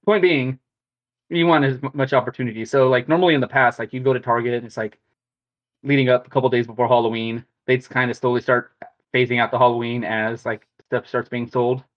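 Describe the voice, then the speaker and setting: A man's voice: mid-range voice, steady tone, brisk. A man co-hosting a podcast in casual chat, rambling and slangy. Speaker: podcast co-host. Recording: dull lo-fi sound.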